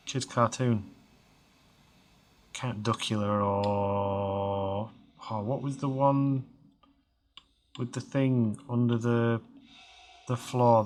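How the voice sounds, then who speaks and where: Guy, 30s, kinda hoarse, low-ish voice, slow chatty gaming commentary, lots of ums, faint music behind. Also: slight background noise. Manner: rambling, chatty, many fillers and restarts. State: slightly hoarse. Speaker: game let's-play host. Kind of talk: casual gameplay commentary.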